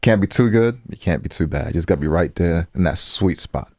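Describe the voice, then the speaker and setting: A man with a low, somewhat mellow voice co-hosts a casual advice podcast, trading banter with his co-host. He talks animatedly and a little fast, using slang, speaking bluntly, and repeating phrases for emphasis. The studio recording is clean with no echo.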